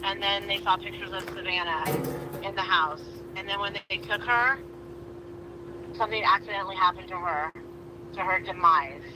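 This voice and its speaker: Woman caller heard through a speakerphone, casual and hesitant, with clear noise on the line. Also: mid-range voice, moderate pace. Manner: hesitant, restarts and fillers. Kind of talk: casual call-in chat. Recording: noisy speakerphone call.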